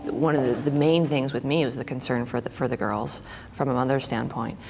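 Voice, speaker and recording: Woman interviewee, serious; extremely low, gravelly voice in a reverberant space. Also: fairly even intonation. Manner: serious, concerned, measured. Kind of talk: interview recollection. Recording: reverberant room, faint noise.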